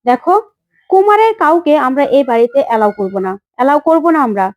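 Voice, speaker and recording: A woman voicing a defiant young woman who scolds her elders in sharp retorts, in a retold serial story. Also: sits high, sing-song, fast, no echo.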